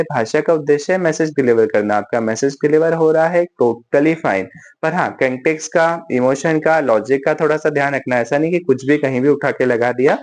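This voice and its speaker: Hindi-speaking man teaching English slowly. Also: fairly high pitch, darkish tone. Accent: Indian English. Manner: slows down to model English sentences, frequent "theek hai?" check-ins. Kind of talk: casual spoken-English lesson in Hindi.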